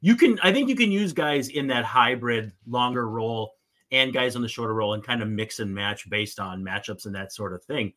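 Speaking fairly quickly in a bright, forceful mid-range voice, a man who co-hosts a podcast and analyzes baseball offers casual, digressive commentary with emphatic points.

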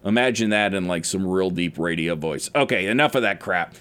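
A man's voice: low voice, brisk, fairly bright tone, smooth. A man hosting a solo sports podcast, talking casually and rambling a bit, with the odd stumble over his words. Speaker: podcast host.

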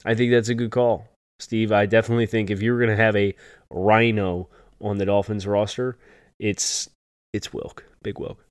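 A man's voice: on the low side, flat delivery, moderate pace, clear, resonant tone, no echo, studio quality. A man hosting a sports podcast, talking through analysis and answers to listener questions in a conversational way. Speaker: podcast host.

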